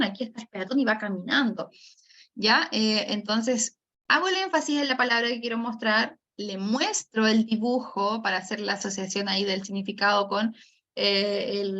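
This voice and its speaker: A woman's voice: medium pitch, a bit bright. A woman speech therapist, giving an online lecture, explaining step by step with many fillers and tag questions. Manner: acts out storytelling examples for children. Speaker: speech therapist teaching a course. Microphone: video call. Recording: dull lo-fi video call audio.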